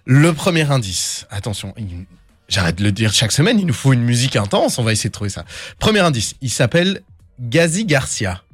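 A man's voice: mid-range voice, big pitch swings, fairly quick, breathy edge, faint music behind. A young man, hosting a rap news podcast with playful, teasing banter and frequent laughter. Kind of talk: lively hosted podcast banter.

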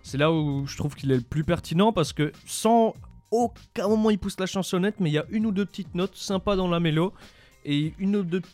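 A man giving his take on a rap album in a casual panel chat, halting with many restarts and fillers. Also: high-pitched, darkish tone, no room sound, faint music behind. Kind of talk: casual studio debate.

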